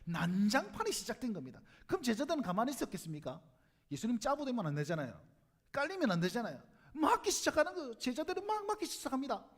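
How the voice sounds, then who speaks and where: Lively Gyeongsang-accented pastor preaching. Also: male voice, very high-pitched, quick pace. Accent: Gyeongsang Korean. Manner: animated storytelling, acts out crowd voices, jokes with congregation. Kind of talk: sermon. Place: church sanctuary.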